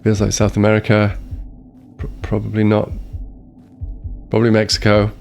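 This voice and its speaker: Over soft background music, a streamer mutters his way through a geography game while searching, keeping the commentary casual. He speaks at a normal speed in a lowish, monotone, gravelly voice with a darkish tone, sounding strained like he's catching a cold.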